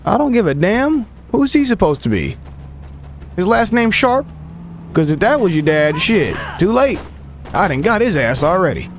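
A young man swearing, trash-talking and shouting at characters while commentating his gameplay. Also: sits high, big pitch swings, normal speed, slight background noise. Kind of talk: profane running commentary over gameplay.

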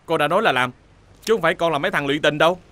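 An actor playing a young restaurant owner, a defensive lovesick son, with a Southern Vietnamese accent. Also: male voice, a little high, very fast, sharp tone.

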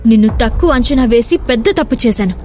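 A woman voicing an angry, scheming male gangster boss who shouts and threatens. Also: a little high, fast, soft background music, natural voice. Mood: seething. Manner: shouting, menacing.

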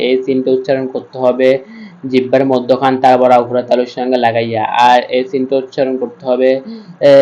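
Male Quran reading teacher, monotone delivery, slow stretched recitation, muffled lo-fi sound. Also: medium pitch. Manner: slow, drawn-out recitation between plain explanations. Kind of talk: spelling-out recitation lesson.

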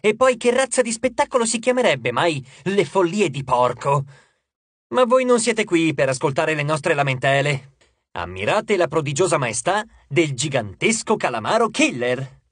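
A man voicing a pompous, grumpy male sea god who talks like a booming showman announcer, slow and loud. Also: sing-song, husky, no room sound. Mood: grumbling.

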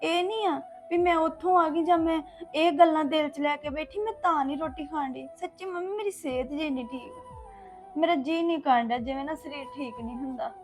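A woman's voice: very high-pitched, steady tone, unhurried, soft background music. A young woman playing a heartbroken married daughter, pleading and sobbing through her words. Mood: weary. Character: heartbroken young wife, worn down and despairing. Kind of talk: family drama acting.

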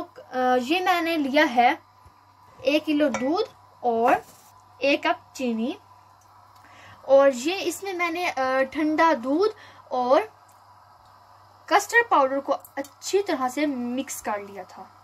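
Slow-talking high-voiced woman cooking host. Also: lively intonation. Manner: unhurried, explaining each step with frequent hesitations. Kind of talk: home cooking tutorial narration. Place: home kitchen.

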